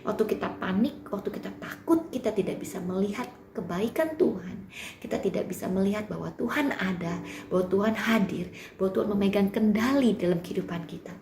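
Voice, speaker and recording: A woman preaching a sermon at a youth service, emphatic, swinging from loud declarations down to soft near-whispers. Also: medium pitch, a little fast, slight background noise. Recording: roomy sound with clear music behind.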